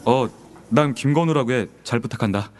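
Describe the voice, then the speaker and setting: An actor playing a polite, humble transfer student in an audio drama, with a mild, earnest delivery. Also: male voice, mid-range voice, a little fast, lightly acted. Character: earnest, polite, humble high school transfer student, later grown lawyer.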